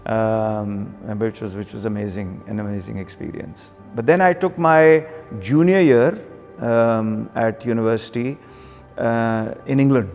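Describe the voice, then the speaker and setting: Background music accompanies a middle-aged man from Karachi, Pakistan, a banker being interviewed who reflects and recounts his story conversationally in a Pakistani accent, dropping in occasional Urdu phrases. His lowish voice is unhurried, creaky and a little mellow, echoing as if in a large hall.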